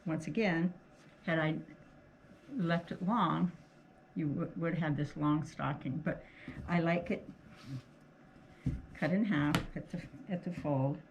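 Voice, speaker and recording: A craft tutorial host speaks through a face mask in a low-pitched voice, talking slowly and pausing often as she casually demonstrates a hands-on craft. She's homely, chats while she works, and keeps checking in with "okay". The lo-fi recording is clearly noisy, with clicks from handling.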